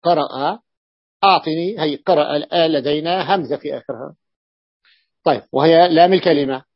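Husky-voiced man teaching a lesson. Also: a little high, dry recording, highs cut off. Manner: explains slowly, repeats words, asks the class questions. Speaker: teacher of Arabic morphology. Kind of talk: classroom lesson.

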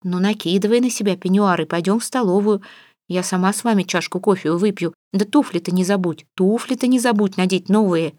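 A woman's voice: mid-range voice, brisk, darkish tone, no echo, clean studio sound, close to an everyday voice. A woman reading an audiobook, voicing a stern, fussy middle-aged mother who scolds and gives orders. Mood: bossy. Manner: scolding, bossy. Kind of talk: audiobook character voice.

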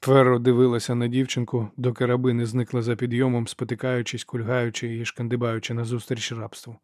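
A man narrating an audiobook in a steady, measured reading. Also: medium pitch, no echo, clean studio sound. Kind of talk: scripted narration.

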